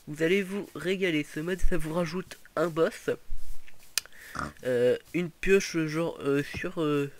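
A man's voice: on the high side, a bit bright, slight background noise. A young man giving casual gameplay commentary, rambling with lots of fillers and restarts. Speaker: gaming video host.

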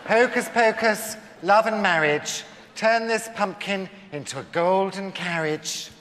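A British man playing a camp, drily fussy good fairy in a stage pantomime, with arch, deadpan asides. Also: fairly high pitch, moderate pace, lightly acted. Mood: breezy, wry. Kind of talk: theatrical pantomime acting. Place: large theatre stage with audience. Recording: noisy live theatre recording, hall reverb.

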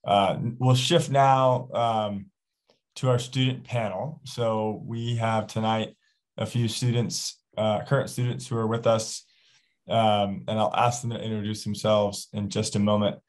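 A man's voice: on the low side, flat delivery, unhurried. A man moderating an online open house over a video call, upbeat and guiding, with many fillers. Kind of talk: hosting a virtual event.

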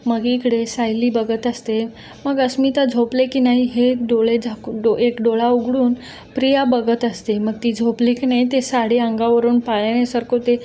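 Woman narrator, fairly high voice, even and warm, casual recap of a serial. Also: moderate pace. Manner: retells scenes, reading every character's lines herself.

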